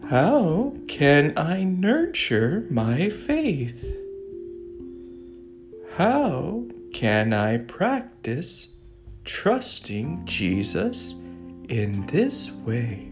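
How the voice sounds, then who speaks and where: A woman voicing a gentle sloth who hosts a bedtime story, speaking in a drawn-out, sing-song way over soft guitar music. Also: sits low, wildly swooping pitch, voice pushed down, exaggerated voice. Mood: calm, soothing. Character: slow, gentle sloth host of bedtime stories. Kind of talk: soothing bedtime devotional talk. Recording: guitar music playing underneath.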